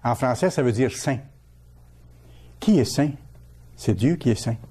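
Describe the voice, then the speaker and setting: A male pastor delivers a teaching sermon. His voice sits at an ordinary pitch with a warm, mellow tone. He repeats key words and keeps putting questions to his listeners. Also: expressive, measured pace, slightly rough.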